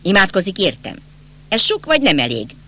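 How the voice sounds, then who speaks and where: A man's voice: high-pitched, huge pitch swings, sharp tone, pitched above the performer's own voice, full character voice. A man voicing a bitter, agitated young nobleman in an audiobook, speaking insistently and accusingly. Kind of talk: audiobook character reading.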